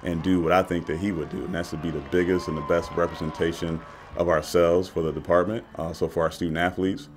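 A man's voice: sits low, level tone, fast talker. A man giving an earnest interview testimony, insistent and repeating his phrases. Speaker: athletics department colleague.

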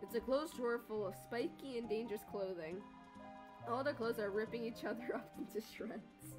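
A woman's voice: a little high, normal speed. A young woman giving casual playthrough commentary and reading game text aloud, giggly and reactive. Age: young adult. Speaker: gaming video host. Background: video game music.

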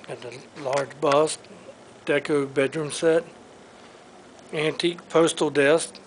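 Walking through an auction preview in a large indoor showroom full of furniture, a man names items one by one in short, clipped phrases. His fairly high voice is slow with fairly even intonation, captured on a handheld camera mic in poor audio with a little hiss or hum.

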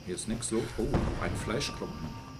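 A man giving live gameplay commentary, talking to himself and jumping into shrill bursts of panic. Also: moderate pace, over loud music. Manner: excitable, talks to himself, jumps up to shrill panic. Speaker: let's play host.

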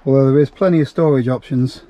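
A man's voice: mid-range voice, steady tone, quick pace, noisy background. A man vlogging on a camping trip in a camper van, chatting casually with dry, self-mocking jokes. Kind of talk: casual vlog chat.

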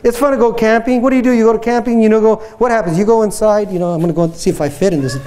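A man in his fifties, a pastor preaching a playful, animated sermon on a church stage into a headset mic, often asking the congregation questions. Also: sits high, racing, background noise. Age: 50s. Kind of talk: sermon with a tent prop.

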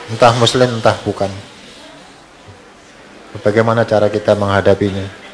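Low flat-voiced man reading questions. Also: a little hiss or hum, low-quality recording.

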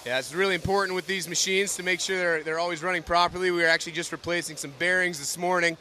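A man who manages a factory, explaining the production steps in a steady, knowledgeable way. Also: sits high, quick pace, a little hiss or hum. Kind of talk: technical explanation.

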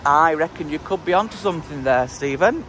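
A man's voice: a little high, lively intonation, fairly quick. A man in his forties from the UK, chatting to a handheld camera while walking through a city. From United Kingdom. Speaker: travel vlogger. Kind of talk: casual travel vlog. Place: outdoors on city streets. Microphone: handheld phone camera at arm's length. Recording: street noise behind. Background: street and traffic noise.

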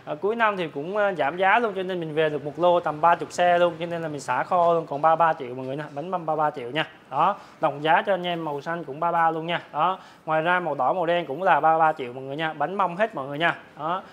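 A man, a motorbike dealer, giving a hard-sell promotional sales pitch to viewers, repeatedly rattling off prices. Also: fast talker, few pauses, a bit bright, muffled recording. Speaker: motorbike dealer presenting his stock. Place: large open-sided metal-roofed motorbike warehouse.

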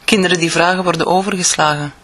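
A woman reading the lines of a teasing adult woman lover in a soft, half-whispered voice. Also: fairly low pitch, fairly even intonation, fast talker.

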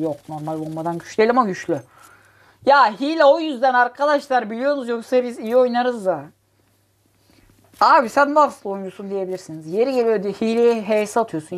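Teasing rival players and swearing at them, the host of a gaming channel delivers excitable, jokey commentary on her gameplay. Her voice is medium in pitch.

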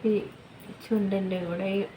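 A woman's voice: mid-range voice, little pitch movement, a little slow, mellow, a little hiss or hum, low-quality recording. Chatty woman vlogger giving home beauty tips. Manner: chatty, repetitive, often adds tag questions to viewers. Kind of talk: casual home tutorial chat.

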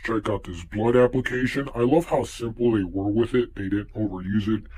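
A young man reviewing a mask in a casual vlog, talking through a face mask, relaxed and rambling with lots of fillers. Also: fairly low pitch, moderate pace, breathy edge.

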